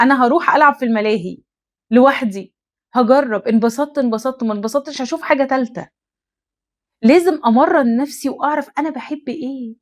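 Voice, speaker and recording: A young adult woman with an Egyptian accent, hosting an advice talk and speaking earnestly and emphatically, straight to the listener. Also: high voice. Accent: Egyptian Arabic. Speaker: host. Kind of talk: direct-to-camera advice talk.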